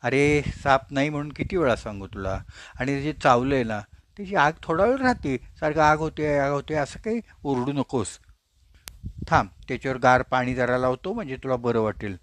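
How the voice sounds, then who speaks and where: A man voicing a calm friend who keeps reassuring and insisting, in a soothing but firm manner. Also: mid-range voice, normal speed, a little hiss or hum, lightly acted. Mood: insistent.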